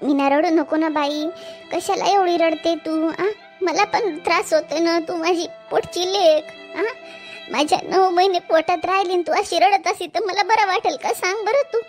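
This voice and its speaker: A woman's voice: very high-pitched, steady tone, moderate pace, soft background music. A woman doing a doting cartoon mother. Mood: coaxing. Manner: coaxing, soothing. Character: loving ailing mother of a grown daughter. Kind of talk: cartoon voice acting.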